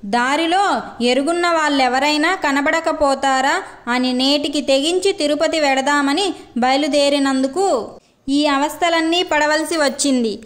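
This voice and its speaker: A woman's voice: high-pitched, fairly bright tone. A woman voicing a widowed Brahmin woman on a train who scolds and complains.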